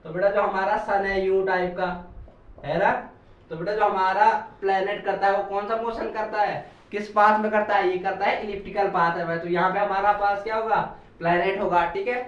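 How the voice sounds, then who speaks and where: High-voiced guy teaching physics, asks and answers himself, dictates slow, sounds far off in an echoey room. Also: steady tone. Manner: calls students "beta", asks and answers his own questions; dictates notes slowly word by word. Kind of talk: classroom lecture. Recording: echoey, distant, dull sound.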